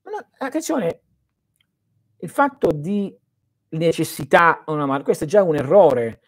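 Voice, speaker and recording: A man's voice: a little high, moderate pace, no echo, studio quality. A man hosting a live stream as a spiritual teacher, answering viewers' questions in an earnest, didactic way and speaking straight to his listeners.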